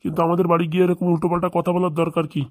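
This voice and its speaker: A woman voicing a stingy, remarried male schoolmaster in a cartoon comedy, talking fast and defensively. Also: lowish voice, little pitch movement, natural voice.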